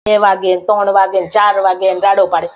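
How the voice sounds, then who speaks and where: A woman's voice: mid-range voice, level tone, brisk. Gossipy woman. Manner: gossipy, mocking, chatty storytelling. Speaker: comedian telling a gossip story. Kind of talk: comic monologue.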